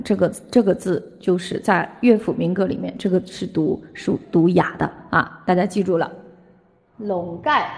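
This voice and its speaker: A woman's voice: mid-range voice, gravelly, darkish tone. A woman voice teacher giving a singing lesson, explaining phrases and breaking into sung demonstrations. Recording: long hall reverb with faint music.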